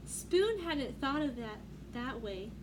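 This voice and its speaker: Reading a picture book aloud for young kids, a woman takes it slowly, teaching as she goes and posing questions to her audience. Her high voice swings widely in pitch. There's clearly noisy room sound in the background.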